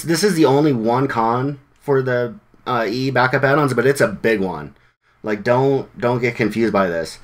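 Man, mid-pitched, presenting at a dev meetup: casual and chatty, full of restarts and slang. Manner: conversational, with many fillers and restarts; informal slang. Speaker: web developer giving a meetup presentation.

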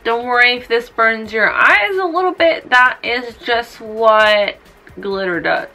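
A makeup vlogger in her twenties talks through a casual tutorial in a small indoor room, tipsy, rambling, blunt and sweary. Her fairly high voice is expressive, pushed and bright, and she takes her time. Faint music plays behind her.

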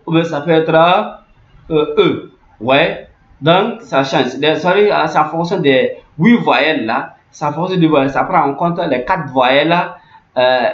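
A man explaining a language lesson over on-screen notes, repeating phrases with many fillers and muttered asides. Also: fairly high pitch. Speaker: language teacher. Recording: echoey room, dull lo-fi sound.

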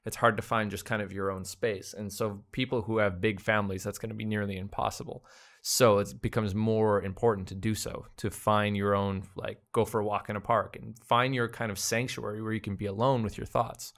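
Low-voiced man musing on a podcast. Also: a little fast. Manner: relaxed, thinking aloud with fillers and restarts. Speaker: podcast co-host. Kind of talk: casual conversational podcast.

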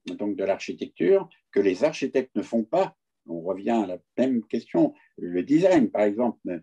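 A man with a low, husky, mellow voice speaks over a video call. He argues his point with indignation but keeps stalling on fillers between phrases. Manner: indignant, hesitant with frequent fillers. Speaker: conference speaker, architect.

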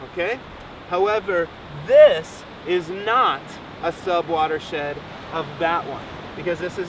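A rainwater harvesting teacher in his thirties, whose voice is gravelly and on the high side, instructs a student outdoors on a sandy beach. He goes step by step with encouragement, while the distant mic captures surf, waves and wind.

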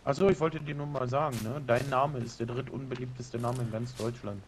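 A man's voice: mid-range voice, steady tone, a little hiss or hum. A man joking and teasing his friend while commentating a multiplayer game. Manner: teasing, joking, quick mocking asides. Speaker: let's play commentator. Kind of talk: casual gaming banter.

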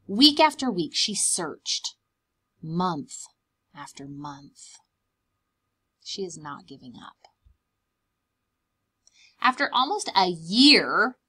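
A young preschool teacher reads a picture book aloud to small children in a mid-range, bright, husky voice with a forceful tone. She adds dramatic emphasis and slips in simple explanatory asides.

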